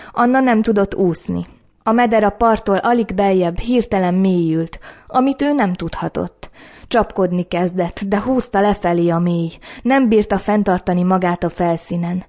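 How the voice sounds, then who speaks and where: Low, mellow-voiced woman narrating. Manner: calm measured storytelling. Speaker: audiobook narrator. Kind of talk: scripted narration.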